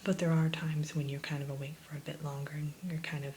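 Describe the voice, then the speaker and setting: Low whispering woman in spa consultation role-play. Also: little pitch movement, fast talker. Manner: gentle, attentive spa receptionist-like client consultation. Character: soothing, attentive female spa sleep consultant. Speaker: ASMR performer playing a spa sleep consultant. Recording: close whisper with background hiss.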